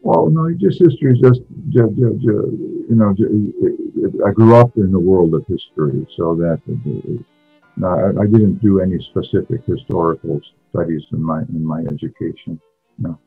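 An older man from Canada speaking as an interview guest, halting and often repeating words as he searches for them. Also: deep voice, creaky, breathy edge, phone-quality sound, faint music behind. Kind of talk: conversational interview.

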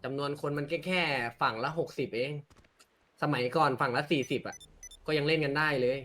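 A man talking in character as a gang leader in an online role-play game, calm and taunting. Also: medium pitch, a little fast.

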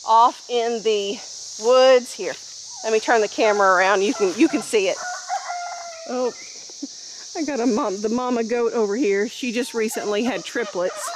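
A homestead vlogger in her thirties with an Ozark American accent chats cheerfully to a phone camera held at arm's length while walking around her rural farm outdoors at sunset, narrating casually. Her voice is a little high. The recording is clear, with crickets and other insects audible outdoors.

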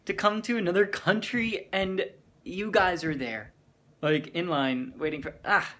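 A man talking excitedly and jokily into a handheld camera for his travel vlog. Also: high-pitched, unhurried. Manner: excitable, chatty, jokey. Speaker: vlogger. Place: busy convention and city streets. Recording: crowd chatter and background noise.

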